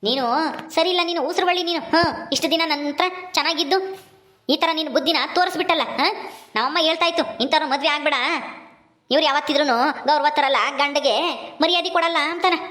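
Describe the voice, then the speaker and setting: A woman's voice: high-pitched, fairly even intonation, fast, fairly bright tone. Woman playing a bitter angry young husband. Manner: curt, bitter, dismissive. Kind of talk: village family drama acting. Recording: echoey room.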